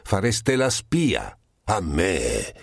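A man voicing a choleric middle-aged monk who shouts and sputters insults, read as an audiobook character. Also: deep voice, huge pitch swings, drawn-out words, gravelly, breathy edge, no room sound, studio quality, pitched above the performer's own voice, exaggerated voice. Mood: threatening.

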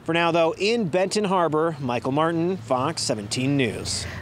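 A young male field reporter narrates a news package in a measured, formal way. His voice sits a little high for a man. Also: slight background noise.

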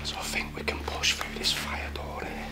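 A man, an urban explorer hosting a vlog, talking in a hushed, awestruck whisper with quick exclamations as he films underground cellars on a handheld camera. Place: dark underground brick cellars and tunnels. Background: background music.

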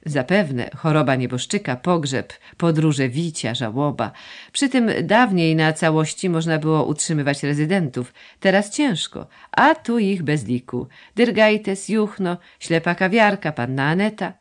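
A woman's voice: low-pitched, animated, unhurried. A woman reading as a fussy, plaintive noble mother. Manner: gushing, complaining, coaxing. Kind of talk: audiobook dialogue reading.

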